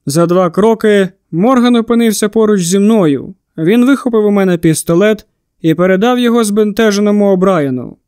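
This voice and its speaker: A man's voice: high-pitched, brisk, darkish tone, clear, resonant tone, dry recording. A man narrating a novel in the first person in a tense, dramatic reading on a close studio mic. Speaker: audiobook narrator.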